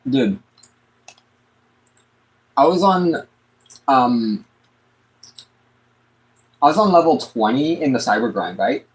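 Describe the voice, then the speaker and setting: A man chatting casually with a friend, halting and trailing off with fillers. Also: medium pitch, sing-song. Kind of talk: casual chat.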